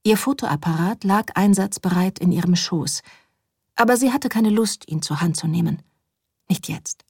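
A woman narrates an audiobook calmly and with measure, often sinking to a soft hush. Her voice is husky. The recording is dry and close. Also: mid-range voice, dry recording. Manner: calm, measured, often hushed.

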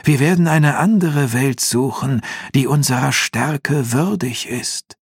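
A man voicing a cold, commanding shadow-king demon who speaks slowly and sounds distant. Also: medium pitch, breathy edge, no room sound, clean studio sound, pitched above the performer's own voice.

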